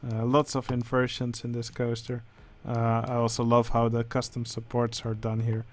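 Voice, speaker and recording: A man with a Dutch accent, speaking English as a second language, who hosts a channel and comments casually on game contest entries, pausing often with filler sounds. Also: medium pitch, completely flat delivery, a little mellow. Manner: hesitant, many filler sounds. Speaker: channel host judging a building contest.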